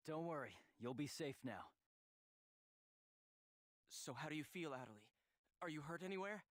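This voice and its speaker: A man's voice: a little high, expressive, moderate pace, no room sound, studio quality, natural voice. A man voicing an intense, protective young hero in an anime game dub. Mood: calm, reassuring.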